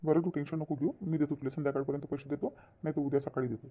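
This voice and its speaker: A voice actor plays a gentle, trusting cartoon husband who calms and reassures his wife. The voice is dark and mellow, and the words tumble out very fast. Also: mid-range voice, close to an everyday voice. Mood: reassuring. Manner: soothing, reassuring. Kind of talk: cartoon voice acting.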